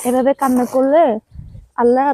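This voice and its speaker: A woman in a vlog, gently coaxing and comforting crying children in a motherly way, then speaking to viewers. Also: sits high, little pitch movement, moderate pace, breathy edge, dry recording, poor audio. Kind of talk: emotional vlog address.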